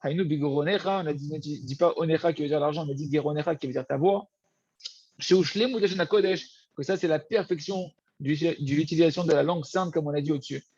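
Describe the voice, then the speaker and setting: A man teaching a Torah lesson, lively and repetitive, often addressing his listeners as friends. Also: fairly high pitch, quick pace, husky, no room sound, muffled recording. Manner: animated, repeats words, addresses listeners as friends. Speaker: rabbi teaching.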